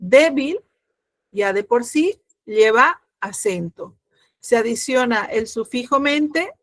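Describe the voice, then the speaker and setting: A middle-aged woman teaching a grammar lesson, explaining patiently, often pausing with fillers and checking that students follow. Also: high voice, no room sound.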